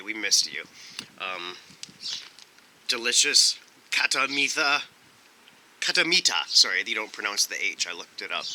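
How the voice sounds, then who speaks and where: Wind whips across this outdoor recording as a food review host works through snacks, rambling easily and thinking out loud. His voice is fairly low in pitch yet bright and forceful.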